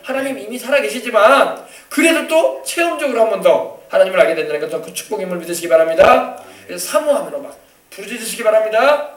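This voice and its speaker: A high-pitched man delivers a sermon with forceful emphasis, now and then shouting out lines in other people's voices. His voice carries through a reverberant sanctuary and is picked up from some distance away from the mic. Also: big pitch swings, fast talker. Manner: emphatic preaching, rising to shouts, acting out quoted voices. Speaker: pastor. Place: church sanctuary. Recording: echoey church, voice from a distance.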